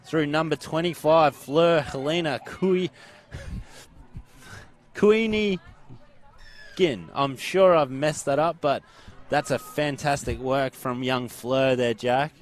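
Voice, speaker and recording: A man's voice: fairly high pitch, slow. A man with an Australian accent doing live play-by-play commentary at an outdoor sports ground, upbeat and naming players by number.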